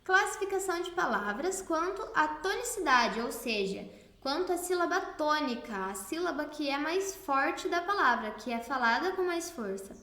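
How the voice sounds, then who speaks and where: High, lively Brazilian woman teacher. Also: echoey room. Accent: Brazilian Portuguese. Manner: slow, emphatic, stresses syllables clearly. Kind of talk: recorded class lesson for children.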